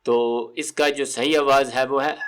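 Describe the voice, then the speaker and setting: A man's voice: medium pitch, steady tone, a bit bright, smooth. Patient man teaching recitation step by step. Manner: patient, repeats sounds slowly and checks with "theek hai?". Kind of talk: step-by-step tajweed lesson.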